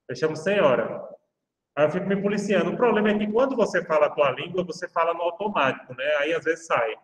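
Chatty Brazilian professor in an echoing hall. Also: male voice, fairly high pitch, quick pace. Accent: Brazilian Portuguese. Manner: chatty, speaks straight to the students. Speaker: law professor. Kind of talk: university lecture with an anecdote. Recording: reverberant room, voice far from the mic.

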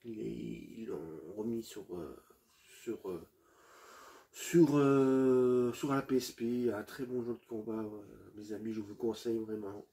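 Hesitant, mellow-voiced man. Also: fairly low pitch, steady tone, measured pace, vocal fry. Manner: hesitant, many fillers and restarts, addresses viewers as friends. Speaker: video game collector presenting his collection. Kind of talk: casual collection showcase.

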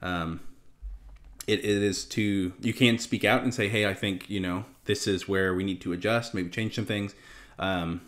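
A man's voice: deep voice, steady tone, fairly bright tone. A man in his thirties giving a casual Bible lesson to a webcam in a small home study, reading passages aloud and talking earnestly with fillers and restarts. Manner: earnest and conversational, with fillers, restarts and emotional pauses. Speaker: Bible teacher. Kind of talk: casual teaching to camera, reading scripture aloud.

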